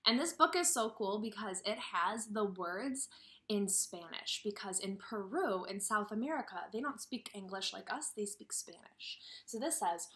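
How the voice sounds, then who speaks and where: A woman teaches kindergarten with a read-aloud lesson, talking straight to young children and asking them questions in a lively, animated way. Her pitch is medium and she speaks at a normal speed.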